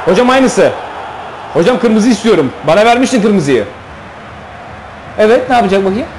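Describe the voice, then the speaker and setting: A man with a Turkish accent giving live commentary on his own football video game, cheering and complaining loudly at the play. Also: high-pitched, lively intonation, a little fast, slight background noise. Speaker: gameplay commentator.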